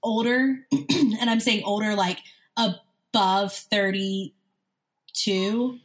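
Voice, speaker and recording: A woman chatting casually and analytically about sports as a host, with a smoker's cough and frequent throat clearing. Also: medium pitch, fairly even intonation, extremely slow. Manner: analytical, recites player statistics. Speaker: sports talk show host.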